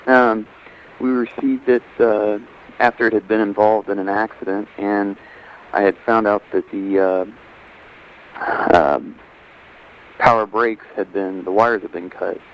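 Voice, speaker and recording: A man's voice: fairly low pitch, steady tone, measured pace, pauses often. Man leaving a muffled voicemail. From Louisiana. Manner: hesitant, many fillers. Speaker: caller. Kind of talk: casual question. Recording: muffled voicemail line with faint hiss.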